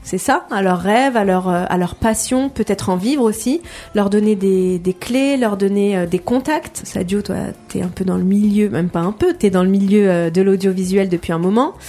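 A woman hosting a radio talk show, interviewing guests in a halting way with many fillers. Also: mid-range voice, warm tone, soft background music.

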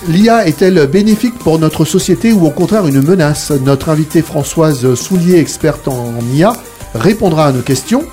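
A man's voice: fairly high pitch, expressive, moderate pace, dark tone. A man hosting a radio show, presenting from a script. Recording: music bed under voice.

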